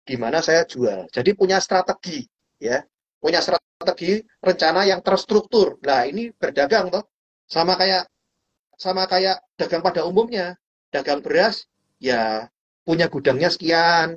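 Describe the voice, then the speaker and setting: A man explaining stock trading in casual chat, animated and playful, acting out little scenes with sound effects. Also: a little high, normal speed, breathy edge, dull audio. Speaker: stock trading guest speaker.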